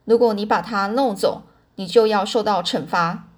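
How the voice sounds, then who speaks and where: A woman's voice: medium pitch, normal speed, lightly acted. A woman voicing an alarmed, strict farm mother who scolds in a raised voice in a storybook reading. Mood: stern.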